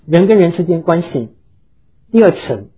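A man preaching an earnest sermon in a deeply husky, breathy voice that sits fairly high for a man. He speaks directly to the congregation, telling stories and pausing on hesitant fillers. The recording sounds dull and lo-fi. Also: big pitch swings. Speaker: pastor.

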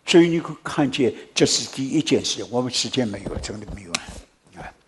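A man preaching a sermon and telling a story to his congregation, jumping from loud exclamations to hushed whispers and mixing English words into his preaching. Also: medium pitch, animated, a little fast, a little hiss or hum. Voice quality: very husky.

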